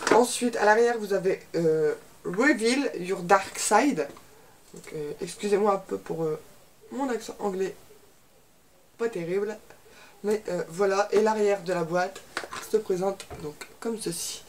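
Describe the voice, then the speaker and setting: A woman's voice: medium pitch, darkish tone, slight background noise. Hesitant French woman unboxing beauty products. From France. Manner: hesitant, many fillers and restarts. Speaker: beauty vlogger. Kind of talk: casual unboxing review. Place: room at home.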